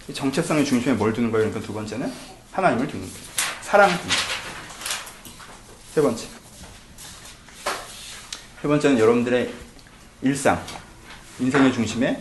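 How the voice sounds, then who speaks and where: A male pastor preaching a sermon, asking his congregation rhetorical questions and swinging between hushed and emphatic delivery. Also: mid-range voice, animated, a little fast, long pauses, echoey room, noisy background.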